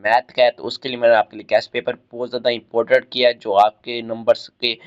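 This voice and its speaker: A man's voice: mid-range voice, little pitch movement, fast talker, smooth, highs cut off. A man from Pakistan, giving students casual exam tips, often restarting and addressing them directly. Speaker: exam prep tutor.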